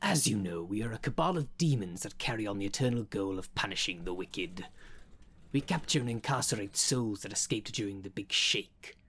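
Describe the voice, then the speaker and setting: In a scripted audio roleplay addressing the listener, a man with a fairly low, expressive, slightly bright, husky, exaggerated voice speaks at normal speed. He plays a theatrical demon caretaker, formal and grandiose, with a dry, businesslike, sardonic salesman's manner.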